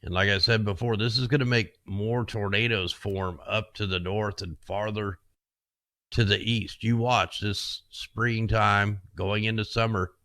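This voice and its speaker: Low bright-voiced man narrating maps. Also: fairly even intonation, unhurried, no echo. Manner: rambling, conspiratorial, talks while clicking through maps. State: losing his voice. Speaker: weather video host. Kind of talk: casual screen-share commentary.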